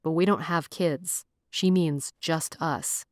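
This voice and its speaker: A woman's voice: sits low, slow, no echo, studio quality. A woman reading an audiobook voices a stubborn, reluctant young man who answers in curt, clipped lines. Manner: flat, clipped refusals.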